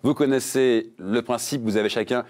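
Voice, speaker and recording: A man's voice: mid-range voice, steady tone, a little mellow. A man hosting a religious quiz game show, reading questions and answer options with playful puns. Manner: playful, jokey, reads options briskly.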